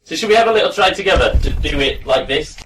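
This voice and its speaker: A man teaching a pronunciation class, relaxed and full of fillers, slowing down to demonstrate words. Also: on the high side. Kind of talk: classroom lesson. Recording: distant mic with faint room noise.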